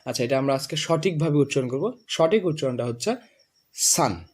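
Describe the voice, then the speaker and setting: Bengali-accented male tutor, patient classroom drills, repeats each word slowly. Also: on the high side, animated, a little mellow. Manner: drills words slowly, repeats them for a student. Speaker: English pronunciation teacher. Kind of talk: classroom lesson.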